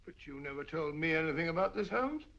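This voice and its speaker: Doctor Watson, a gravelly bluff doctor. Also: male voice, on the high side, animated, quick pace, fairly bright tone. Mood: puzzled. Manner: puzzled, exclamatory. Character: bluff good-natured male doctor, older. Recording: dull lo-fi 1940s film soundtrack.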